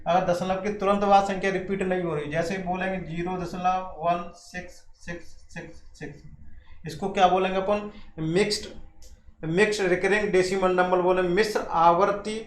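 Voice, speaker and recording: A man's voice: high voice, flat delivery, moderate pace. A man teaching a lesson, with mixed in, often repeating points and asking questions he then answers himself. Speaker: maths teacher. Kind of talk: classroom maths lesson. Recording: echoey room with faint background hiss.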